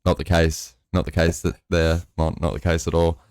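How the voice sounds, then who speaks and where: A young man with a notably deep voice tells a long, rambling anecdote, peppered with swearing. His delivery is laid-back and conversational, recorded dry and close. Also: flat delivery, normal speed, darkish tone, no room sound. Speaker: podcast co-host. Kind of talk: casual storytelling chat.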